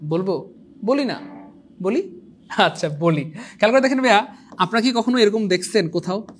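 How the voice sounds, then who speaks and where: A young man who teaches an exam prep lecture in an animated, teasing way, repeating points and quizzing his viewers. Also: high-pitched, normal speed, a little hiss or hum. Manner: animated, repetitive, teasing, asks the viewers questions. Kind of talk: online lecture.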